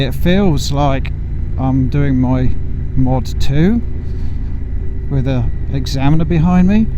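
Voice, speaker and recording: A man's voice: fairly high pitch, dull audio. A man thinking aloud while riding a motorbike, talking into a helmet microphone. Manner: chatty, thinking aloud, unsure. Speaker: motovlogger. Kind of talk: running commentary while riding. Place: on a motorbike on open roads. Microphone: helmet mic. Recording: loud wind noise from the helmet.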